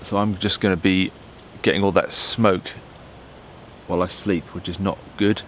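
A tired man in his forties with an English accent talks casually to the camera while busy with his hands, low in pitch and wry about his own efforts. He is outdoors in woodland at night on a camera mic. A faint rumble sits under the voice. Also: normal speed. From England. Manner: relaxed, self-deprecating, talks while working with his hands. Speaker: bushcraft vlogger. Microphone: camera mic, close framing.

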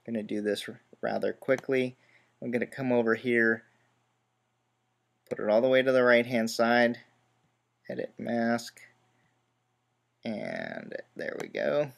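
A man explaining software steps one by one in a relaxed screen-recorded tutorial, with small self-deprecating asides. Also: medium pitch, measured pace, vocal fry, pauses often. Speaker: tutorial host.

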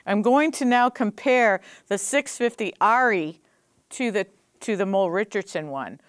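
A woman's voice: mid-range voice, expressive, a little slow, clear, resonant tone, no echo. A middle-aged woman teaching film lighting, explaining practically as she operates the gear on a studio stage. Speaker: film instructor. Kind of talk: hands-on equipment demonstration.

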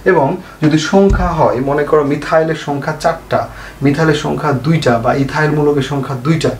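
A male chemistry teacher giving an online lesson, asking questions and answering them himself and repeating the key points. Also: a little high. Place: home room, fan switched off. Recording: echoey room, faint noise.

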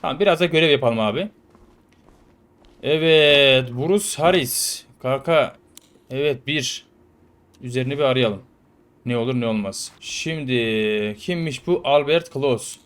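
A man playing a prison game and chatting casually over it, playful and slangy, now and then shouting loudly at the characters. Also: mid-range voice, unhurried, smooth. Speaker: gaming YouTuber. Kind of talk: casual let's-play commentary.

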